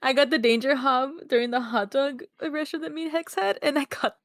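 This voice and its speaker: A woman's voice: sits high, brisk, dry recording, clean studio sound. A woman chatting while playing a cooking game with friends, giggling often and repeating her words. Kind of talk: casual gaming chat.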